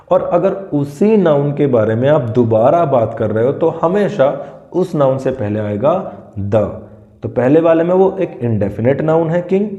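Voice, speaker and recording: A man with an Indian accent teaches English grammar in a casual, unhurried way. His voice is dark and mellow, and he goes over each example sentence slowly. The recording is roomy and a little dull. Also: medium pitch. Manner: explains patiently, repeating example sentences slowly.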